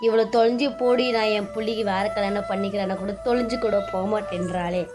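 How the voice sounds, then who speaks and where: A woman's voice: medium pitch, fairly even intonation, fast, over music, voice pushed down, natural voice. A woman voicing a domineering middle-aged mother-in-law who scolds and wails melodramatically. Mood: scornful.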